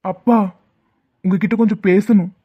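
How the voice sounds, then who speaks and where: A man's voice: high-pitched, steady tone, moderate pace, breathy edge. A man voicing a desperate, lovesick younger son who pleads and then turns fierce and bitter. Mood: pleading. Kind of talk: Tamil cartoon voice acting. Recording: tinny phone-like lo-fi audio.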